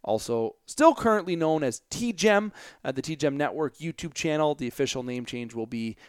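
A man's voice: a little high, expressive, moderate pace, smooth, dry recording, clean studio sound. A young man hosting a solo sports podcast, rambling and chatty, often breaking off and restarting his sentences. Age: young adult. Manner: rambling, chatty, self-interrupting. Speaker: podcast host.

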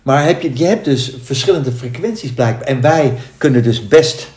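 A man's voice: medium pitch, expressive, moderate pace, a little mellow, roomy sound. A man co-hosting a podcast in casual chat, hesitant, with stammering restarts. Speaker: podcast co-host.

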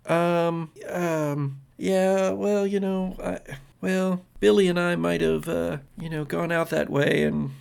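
A man's voice: on the high side, fairly even intonation, slow, gravelly, darkish tone, clean tone, pitched above the performer's own voice, exaggerated voice. A man voicing a nervous teenage girl who stammers and hesitates. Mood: sheepish. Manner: hesitant, full of ums.

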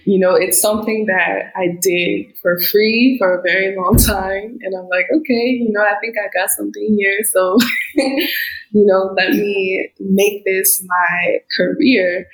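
A Liberian-born, US-raised middle-aged woman talks a little slowly at a medium pitch with fairly even intonation, captured on a rough recording. She's a business coach guest in a casual interview, earnest and reflective, with frequent "you know"s.

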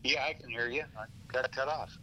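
A man calling in and heard through a phone on speakerphone, talking earnestly and haltingly with many restarts. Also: mid-range voice, steady tone, pushed and bright, low-quality recording. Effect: heard over a phone on speakerphone. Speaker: caller joining by phone. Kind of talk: casual call-in chat.

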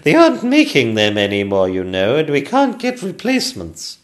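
A man voicing a bossy, chatty queen who speaks in a haughty, drawn-out way. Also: medium pitch, wildly swooping pitch, voice pushed up.

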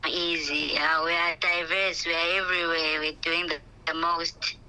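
A woman author answers interview questions by phone from a moving vehicle on the road, her voice breaking up and drifting from the mic. It sits low with little pitch movement at normal speed, sounding bright, forceful, clear and resonant, and she often hesitates and repeats words while searching for them.

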